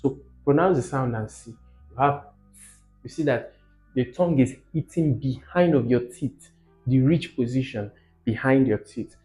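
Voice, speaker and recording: Here a man teaches unhurriedly in a mid-range voice with a dark tone, asking questions and emphasizing key words through repetition. Recorded in an echoey room, the sound is muffled, with light music in the background.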